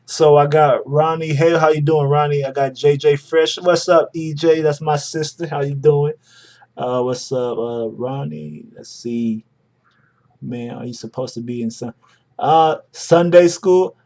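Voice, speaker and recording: Chill young guy on a live stream, talking through charts and chatting with viewers. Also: a little high. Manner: relaxed, chatty, greets viewers by name. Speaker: livestream host.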